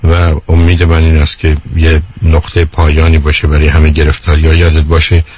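A middle-aged man hosting a radio call-in show, gently reassuring a caller. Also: very deep voice, monotone, slightly rough. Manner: gentle, reassuring, affectionate address. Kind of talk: live radio call-in talk.

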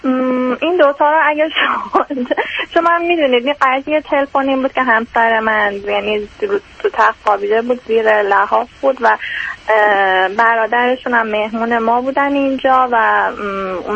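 Slightly high-voiced woman in her 30s rambling on a call-in line, kinda muffled. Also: a bit bright. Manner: hesitant, rambling explanations. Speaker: caller. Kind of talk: phone-in about marriage problems. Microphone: phone. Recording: muffled phone line with faint hiss.

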